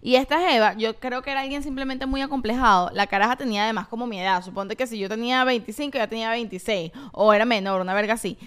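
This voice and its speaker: A young Venezuelan woman co-hosts a casual podcast, rattling off a story at a quick clip in slangy, animated chat. Her voice sits a little high and comes through smooth and clear. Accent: Venezuelan Spanish. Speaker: podcast co-host.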